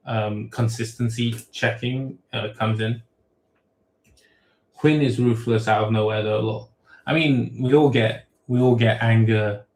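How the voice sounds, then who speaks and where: Man, medium pitch, casual livestream Q&A, reads questions aloud, rambling answers, echoey room. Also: a little mellow. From grew up in England, born in Thailand. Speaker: web novel author hosting a Q&A. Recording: roomy echo.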